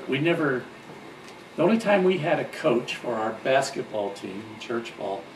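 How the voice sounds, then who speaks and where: An older man casually telling stories from his life, rambling with restarts and chuckles, and growing louder and livelier on the funny parts. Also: medium pitch, sing-song, normal speed. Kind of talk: casual reminiscing storytelling. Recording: echoey room, distant mic, background noise.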